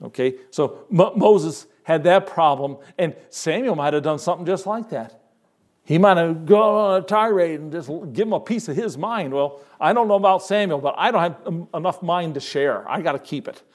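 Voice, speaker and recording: A male pastor preaching a sermon in a conversational way, moving between hushed asides and emphatic lines. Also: on the high side, moderate pace.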